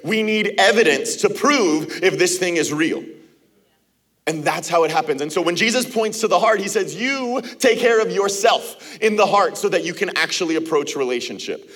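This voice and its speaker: A man's voice: high-pitched, expressive, moderate pace, fairly bright tone, slightly rough. A man in his thirties preaching a sermon as pastor to a church, talking in a loose, conversational way and acting out little dialogues. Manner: conversational preaching with acted-out quotes and laughs. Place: church auditorium.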